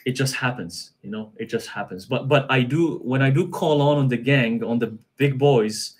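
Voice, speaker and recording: A man talking casually in a live-stream conversation, relaxed, laughing often and repeating his phrases. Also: medium pitch, moderate pace, noisy background. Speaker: guest practitioner.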